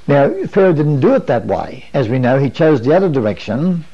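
An older man with a warm, mid-range voice that swings widely in pitch speaks fairly quickly as he leads a camp meeting Bible study in a wood-paneled room. He asks his listeners questions and repeats their answers, captured on dull, lo-fi 1980s videotape.

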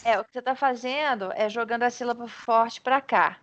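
Brazilian woman teaching English online, higher voice. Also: highs cut off. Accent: Brazilian Portuguese. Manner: patient, explanatory, models pronunciation slowly. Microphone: video call. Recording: video call with faint background noise.

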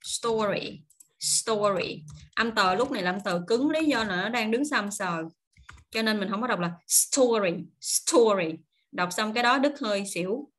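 A woman teaching English pronunciation online, drawing out model words slowly and then explaining in quick, chatty asides. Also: medium pitch, animated, fairly bright tone. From Vietnam.

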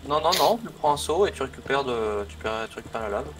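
A man's voice: mid-range voice, lively intonation, quick pace, slight background noise. A man in a casual voice chat, explaining game mechanics in a hesitant, self-correcting way. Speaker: voice chat participant.

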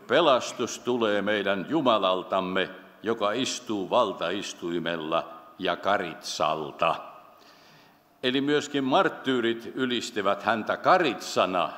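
A man preaching a solemn, measured sermon in a church, slowing down when he quotes scripture. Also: lowish voice, a bit bright. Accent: Finnish. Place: church sanctuary. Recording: long church hall reverb.

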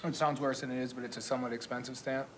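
A man's voice: mid-range voice, little pitch movement, racing, heavy background noise, natural voice. An actor playing a grumpy, broke young man who mutters defensively and evasively in a TV comedy.

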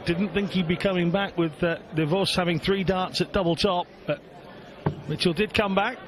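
A man giving live darts commentary in measured, short play-by-play phrases. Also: sits high, fairly even intonation. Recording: clear background venue noise. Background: darts venue ambience.

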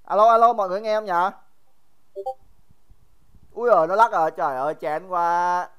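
A man's voice: high voice, normal speed, fairly bright tone, clean tone, dull audio. A young man teaching a casual livestream math review, chatty and joking, teasing his students by name and often repeating himself.

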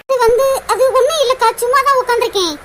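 A woman doing a squeaky tearful cartoon girl. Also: fast, background noise. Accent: southern Tamil Nadu. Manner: sobbing, plaintive. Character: lovesick young woman, tearful and pining. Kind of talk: cartoon voice acting.

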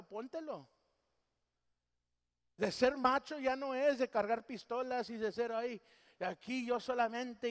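A man preaching a sermon as pastor in a church, swinging from loud emphasis to hushed tenderness. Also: extremely high pitch. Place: church sanctuary. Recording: long hall reverb.

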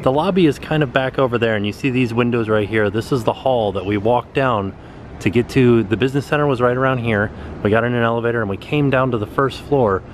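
A man in his thirties, a vlog host, casually narrates a walking tour of a hotel's halls and outdoor pool areas, filmed on a handheld camera at arm's length. His voice is on the low side, and he points out sights in an upbeat way against slight background noise.

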